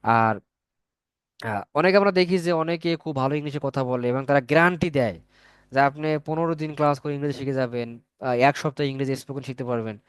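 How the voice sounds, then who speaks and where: A man's voice: mid-range voice, fairly quick, clear, resonant tone, no room sound. A man teaching a spoken English class online, coaxing students to answer and repeating his points.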